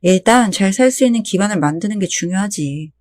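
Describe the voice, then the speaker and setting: A woman's voice: mid-range voice, lively intonation, a little fast, a little mellow, no room sound, natural voice. A woman voicing a dismissive young husband who brushes off her talk of children, in a dry recording. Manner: brushing off, irritated.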